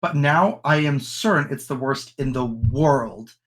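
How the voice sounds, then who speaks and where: A man's voice: mid-range voice, a little slow. A young man from the United States co-hosting a podcast in casual chat, opinionated and rambling with frequent ums and restarts. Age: young adult. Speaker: podcast co-host.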